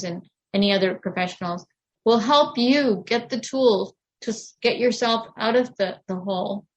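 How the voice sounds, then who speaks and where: A middle-aged woman talks as a podcast guest on wellness, earnest and encouraging. She rambles a little, restarting her sentences as she goes, in a steady mid-range voice. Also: medium pitch. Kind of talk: podcast interview conversation.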